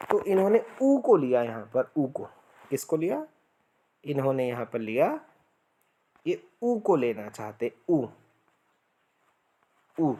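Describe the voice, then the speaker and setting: A man's voice: on the high side, dark tone. A man teaching Sanskrit grammar in a spoken classroom lecture. He keeps checking in with "है ना" and "ठीक है" and draws out the sutras and vowel lengths in a chant. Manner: slow explanatory delivery with frequent "है ना" and "ठीक है" check-ins.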